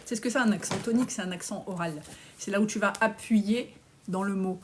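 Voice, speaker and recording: A woman's voice: medium pitch, brisk. A woman, coaching on personal finance as she answers viewer comments on a live stream in a blunt, outspoken, casual way. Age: 40s.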